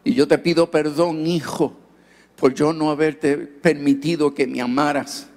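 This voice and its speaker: A man's voice: a little high, steady tone, darkish tone, long reverb tail. A pastor voicing his remorseful old father. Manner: slow, grave and tender, repeatedly calling out "son". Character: remorseful aging father apologizing to his son.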